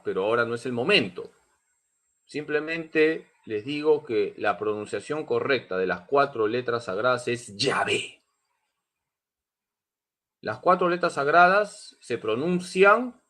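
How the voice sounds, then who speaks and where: Emphatic priest, slow and lively. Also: male voice, on the high side. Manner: emphatic, repeats key points for teaching; addresses listeners as brothers. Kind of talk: catechism class.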